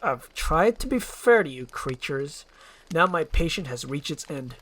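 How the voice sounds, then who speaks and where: A woman's voice: sits low, expressive, a little slow, fairly bright tone, exaggerated voice. A woman voicing a pompous, menacing little male lord in a dramatized screenplay reading, haughty and taunting.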